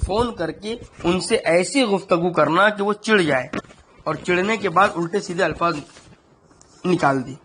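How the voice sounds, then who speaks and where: A man preaching in a religious talk, emphatic and repeating phrases for stress. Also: high voice.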